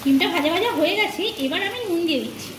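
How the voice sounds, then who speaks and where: Racing along in a very high-pitched, animated voice, a middle-aged woman talks viewers through her cooking step by step in her home kitchen, dropping in small asides. Sizzling and stirring sound clearly in the echoey room.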